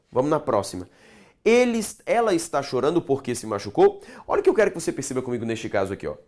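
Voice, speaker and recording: A man teaching Portuguese grammar in a video lesson for exam candidates. He writes on a board as he goes, asks the class rhetorical questions and stretches key words out slowly. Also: on the high side.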